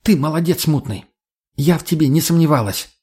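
A bossy, swearing young woman, raised high and loud in a husky voice, as a male reader puts her on. She snaps commands with urgent force in a storybook reading. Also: animated, brisk. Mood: urgent, yelling. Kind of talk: audiobook character voicing.

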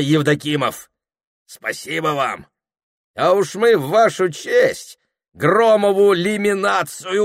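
A man voicing a rowdy band of robbers who shout jeering farewells. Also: on the high side, no room sound, clean studio sound, pitched above the performer's own voice, full character voice.

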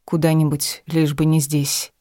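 A man's voice: fairly high pitch, completely flat delivery, a little slow, warm tone, dry recording, studio quality, lightly acted. A man voicing a sullen defiant young woman. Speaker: audiobook reader. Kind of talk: audiobook dialogue.

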